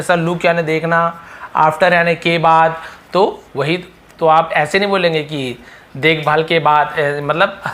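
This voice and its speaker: A man's voice: a little high, fairly bright tone. A young man teaching a vocabulary lesson, explaining patiently and repeating each word.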